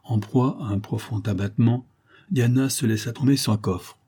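A man reading a classic adventure novel aloud as an audiobook narrator, in a measured, dramatic way. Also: medium pitch, dark tone, husky.

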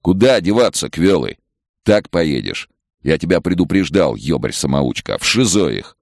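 A man's voice: low-pitched, very animated, normal speed, vocal fry, no echo, clean studio sound, voice pushed up, exaggerated voice. A man voicing a stern, commanding camp officer, harsh and mocking.

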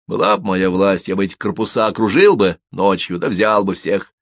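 A man's voice: low-pitched, steady tone, normal speed, no room sound, studio quality. A man voicing a weary police captain in his forties who talks in a bitter, resigned way in an audiobook. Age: 40s.

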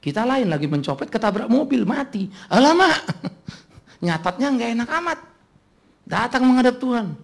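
A man preaching as a pastor, delivering a humorous sermon in a lively joking manner that often breaks into laughter. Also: very high-pitched, a little fast, vocal fry. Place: church.

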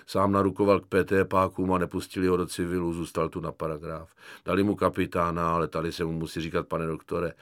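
A slangy, mocking army medic corporal, voiced by a male reader. He talks in a chummy, wisecracking way, with a fairly low voice. The audiobook recording is dry and close. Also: flat delivery, fairly bright tone, no echo. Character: cynical joking army medic corporal, young man. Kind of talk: audiobook character voice.

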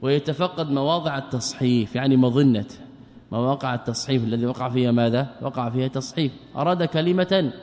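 In a hall with long reverb, a man lectures on a classical book, explaining the text. He often asks rhetorical questions and repeats phrases, his voice mid-range and a little mellow.

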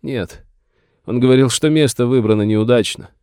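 Voicing a scared, aging rancher, a man pleads in a fearful, plaintive, agitated way, tearful and whining. His voice is medium-pitched, moderately paced, darkish, clear and resonant, pushed up yet close to an everyday voice, in a clean studio recording with no room sound.

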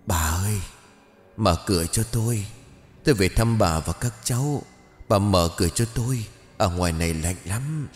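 A man's voice: fairly low pitch, expressive, moderate pace, darkish tone, in a large hall, faint music behind, natural voice. A man voicing the ghost of a dead old man who coaxes someone to open the door in a spoken horror story. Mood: coaxing. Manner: coaxing, insistent.

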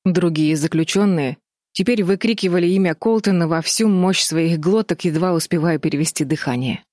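Female audiobook narrator, low and steady, dry booth sound. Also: normal speed, no echo. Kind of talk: scripted narration.

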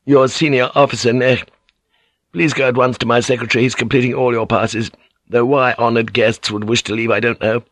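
In a dramatic audiobook character voice, a man plays an arrogant, ruthless Japanese warlord general, icy and contemptuous, firing off scornful rhetorical questions. His natural voice is pushed above its usual pitch to a medium level with little movement, fairly quick and a bit bright. The recording is clean studio sound with no room echo.

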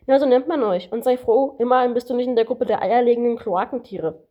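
A woman's voice: a little high, lo-fi sound, natural voice. A woman voicing a cheeky, lecturing male kangaroo in an amateur audiobook reading. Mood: smug teasing. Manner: smug, lecturing, quick-witted.

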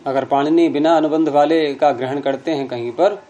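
A man's voice: fairly high pitch, steady tone, normal speed, warm tone, highs cut off, slight background noise. A man teaching Sanskrit grammar, patiently explaining rules step by step with examples and repeating key terms.

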